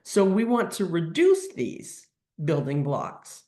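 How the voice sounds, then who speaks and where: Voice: medium pitch, huge pitch swings, takes it slowly, mellow, echoey room. A veterinary technician giving an educational webinar lecture while suffering from a cold, explaining step by step with frequent ums and restarts. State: has a cold.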